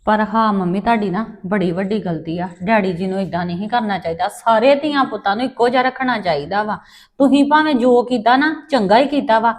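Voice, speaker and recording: A woman with a Punjabi accent, acting in a family drama, speaking soft and earnest. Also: medium pitch, a little fast.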